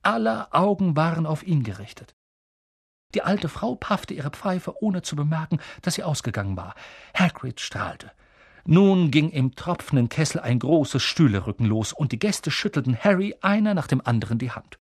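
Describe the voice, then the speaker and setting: A man narrating an audiobook in a lively, animated way. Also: a little high, normal speed, no echo, studio quality. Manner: animated, breathy. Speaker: audiobook reader.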